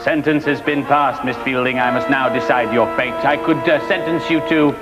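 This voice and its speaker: A man playing a pompous judge in a mock TV courtroom, speaking solemnly and deliberately. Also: mid-range voice, steady tone, over loud music, natural voice. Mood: stern, teasing.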